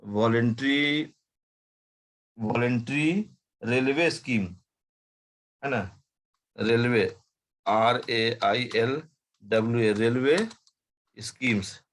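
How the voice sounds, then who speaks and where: A man teaching a live class, dictating slowly, spelling words out letter by letter and often adding short checking questions. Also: medium pitch, steady tone. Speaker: commerce teacher.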